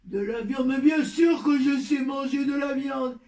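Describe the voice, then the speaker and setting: A woman's voice: high-pitched, a little slow, warm tone. A woman voicing a boastful, childish little boy wolf who plays big and bad and stammers when challenged, in theatrical children's storytelling. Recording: echoey room, distant from mic.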